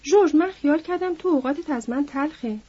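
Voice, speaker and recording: A woman's voice: high voice, warm tone, voice pushed up, close to an everyday voice. A woman putting on an eager childlike giant of a man. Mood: pleading. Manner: pleading, eager. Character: big childlike simple-minded man, eager and trusting. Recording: dull lo-fi recording.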